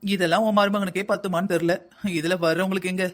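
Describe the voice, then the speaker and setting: A nagging older husband in a cartoon, as voiced by a performer, talking in a quick, middling-pitched voice with a South Tamil Nadu accent. He scolds and grumbles about the household without pause. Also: level tone, fairly bright tone, lightly acted. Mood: grumbling. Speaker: voice actor in a family cartoon. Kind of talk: cartoon family comedy acting.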